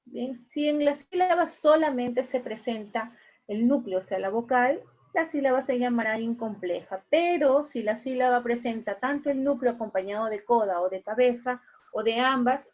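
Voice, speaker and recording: Woman teacher, higher voice, patient and repetitive, dull video-call sound. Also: moderate pace, darkish tone. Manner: patient, repeats key points with checking tags. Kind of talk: online class lecture. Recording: muffled video-call audio.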